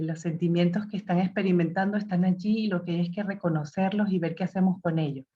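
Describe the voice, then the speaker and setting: A woman giving a calm, advising talk to parents, sometimes acting out what a parent might say to a teenager. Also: fairly low pitch. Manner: calm, advising, acts out parent-child dialogue. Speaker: parenting speaker. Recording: dull lo-fi audio.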